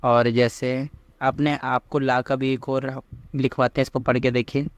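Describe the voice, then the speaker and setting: A language teacher leads a slow, step-by-step script lesson on reading, patiently asking questions and answering them himself. His mid-range voice has little pitch movement and an unhurried pace. There's no room sound.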